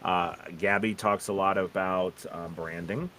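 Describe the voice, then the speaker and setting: A man with a somewhat low voice hosts a live stream. He chats casually and loosely, circling through his points and often checking that the listener follows. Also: steady tone, unhurried, a bit bright, a little hiss or hum. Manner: rambling, repeatedly checking in with "you know" and "right". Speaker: live show host.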